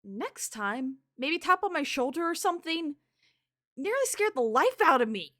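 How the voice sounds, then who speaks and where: A woman voicing a jumpy, brisk young shop clerk in a game role-play, quick, eager and a little startled. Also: on the high side, bright, forceful tone.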